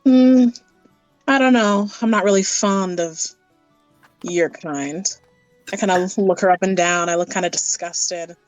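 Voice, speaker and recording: Woman player, loud and brash, dry close sound, faint music. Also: mid-range voice, a little slow, dry recording, low-quality recording. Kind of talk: in-character tabletop play.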